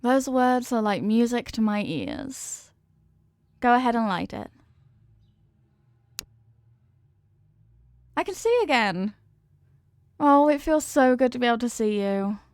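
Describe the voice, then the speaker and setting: Played by a woman, a sweet headless horsewoman speaks in a fairly high voice, close and dry, as a devoted, giddy girlfriend in an intimate ASMR roleplay. Her playful, affectionate talk has lively intonation and a moderate pace, with no echo, and she sounds excited and touched.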